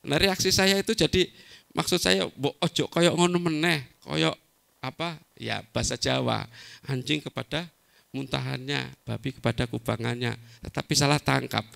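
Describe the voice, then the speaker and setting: A middle-aged pastor preaches in a deeply gravelly, creaky voice. He tells homely stories, chuckles at his own mistakes and speaks at an average pitch for a man. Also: normal speed, fairly bright tone. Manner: folksy, storytelling, laughs at himself. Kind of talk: sermon. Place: church.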